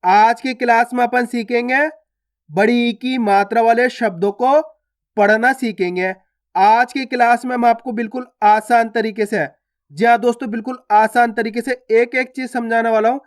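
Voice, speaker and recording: A man's voice: very high voice, steady tone. Patient man teaching reading basics. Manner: patient, repetitive explaining with drawn-out vowel sounds; asks questions then answers them himself. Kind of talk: beginner reading lesson.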